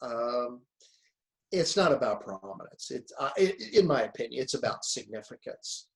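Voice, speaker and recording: A man's voice: medium pitch, lively intonation, moderate pace, creaky. Around-sixty man, reflective storyteller. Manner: reflective, storytelling, chuckles often. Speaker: guest, motivational speaker and author. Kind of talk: relaxed conversational interview.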